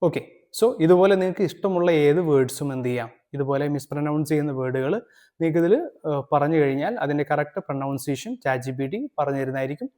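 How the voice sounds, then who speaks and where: A man from Kerala hosting a language tutorial, explaining steps steadily and reading his English prompts out slowly. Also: on the high side, mellow. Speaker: English teacher, channel host.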